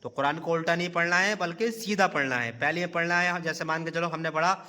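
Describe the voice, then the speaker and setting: A man's voice: on the high side, sharp tone. A man teaching children the steps of prayer in a madrasa, patiently quizzing his pupil one step at a time. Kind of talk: teaching children how to pray. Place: madrasa room. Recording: long reverb.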